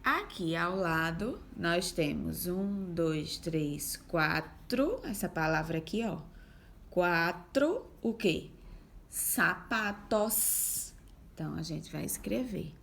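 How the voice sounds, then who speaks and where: A woman's voice: on the low side, animated, slow pace, creaky, slight background noise. A woman teaching young children, explaining a worksheet patiently step by step and sounding out syllables. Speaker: primary school teacher.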